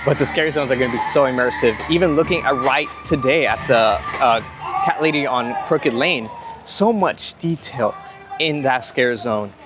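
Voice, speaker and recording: A young man talks in a mid-pitched voice, rambling and repeating himself as he vlogs. He sounds slightly out of breath. He is outdoors, with faint music somewhere behind him. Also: normal speed. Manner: enthusiastic, rambling, repeats words. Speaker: theme park vlogger. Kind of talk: casual rambling vlog talk. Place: outdoors at a theme park. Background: music from nearby.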